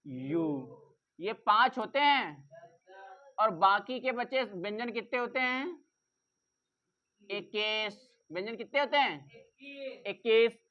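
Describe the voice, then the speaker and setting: A woman gives a classroom-style grammar lesson, her voice sitting a little high. She keeps repeating each point and asking questions back to her listeners. The recording sounds dull and lo-fi. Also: a bit bright. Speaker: English grammar teacher.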